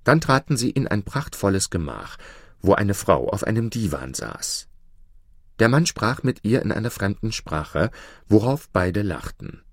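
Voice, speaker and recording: A man narrating a storybook tale, with expressive, measured delivery. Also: on the low side, vocal fry, dry recording, studio quality. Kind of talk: storybook reading.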